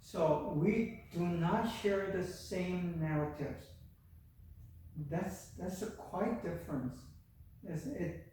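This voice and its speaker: An older man with a Korean accent lectures at a slow, halting pace, full of fillers and restarts. His voice sits high for a man. He sounds distant from the mic, in a strongly echoing room with faint ambience. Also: mellow, a little hiss or hum. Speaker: university lecturer. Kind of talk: classroom lecture. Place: university classroom.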